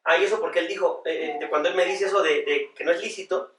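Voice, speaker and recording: A man's voice: high-pitched, fairly even intonation, fast, fairly bright tone. Earnest man pastor in a roomy space. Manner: reflective, earnest, with frequent "este" fillers. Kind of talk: personal storytelling as a podcast guest. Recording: roomy sound, voice far from the mic.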